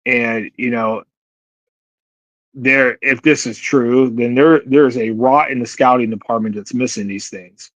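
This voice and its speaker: Man with halting opinions, dry sound. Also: mid-range voice, steady tone, fairly bright tone, dry recording, low-quality recording. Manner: halting opinionated commentary with restarts and "you know". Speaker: podcast co-host. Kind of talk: casual sports podcast chat.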